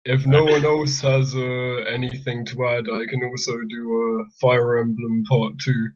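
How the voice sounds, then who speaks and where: A young man chatting casually on a podcast, eager and quick to joke. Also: mid-range voice, flat delivery, darkish tone. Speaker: podcast regular. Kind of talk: casual chat. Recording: dull lo-fi mic.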